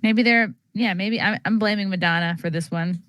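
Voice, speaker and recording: A woman's voice: medium pitch, normal speed, a bit bright, no echo. A woman interviewing a guest, chiming in with playful quips. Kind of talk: interview chat.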